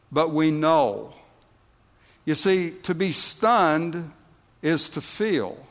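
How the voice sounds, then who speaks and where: A pastor delivers a sermon in church, his voice a little high for a man. He preaches slowly and deliberately, leaning on words and pausing before punching out emphatic lines, with a long reverb from the large hall.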